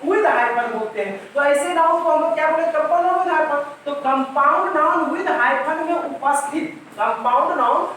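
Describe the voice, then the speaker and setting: A man's voice: very high voice, normal speed, hardly any pauses, fairly bright tone, slight background noise. A male English teacher giving a grammar lesson, repeating points and asking questions that he answers himself. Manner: repetitive, asks questions and answers them himself. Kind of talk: classroom-style grammar lesson. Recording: very echoey room, mic at a distance.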